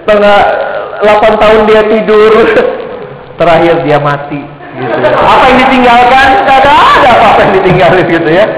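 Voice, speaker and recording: High-voiced, lively male preacher in a hall. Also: a little hiss or hum. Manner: lively and joking, acts out quoted voices. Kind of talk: sermon.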